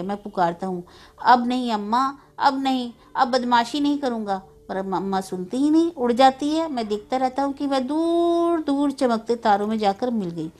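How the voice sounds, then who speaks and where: A woman's voice: fairly high pitch, darkish tone, close to an everyday voice. A woman voicing a small boy grieving for his dead mother, pleading and insistent.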